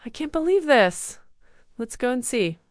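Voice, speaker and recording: A woman voicing a punctual schoolgirl in a storybook reading, brisk and urging. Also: on the low side, clean tone, dry recording, studio quality, lightly acted. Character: punctual schoolgirl who hates being late.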